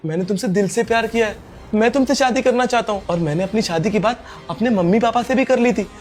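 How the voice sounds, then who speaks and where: A man's voice: high-pitched, fast talker, lightly acted. A man playing a poor young servant who earnestly pleads with his girlfriend not to leave him. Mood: pleading. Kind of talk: scripted skit acting.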